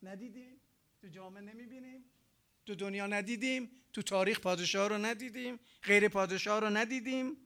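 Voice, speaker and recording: A man's voice: high-pitched, creaky, sharp tone. A man preaching a sermon, with emphatic repetition and rhetorical questions.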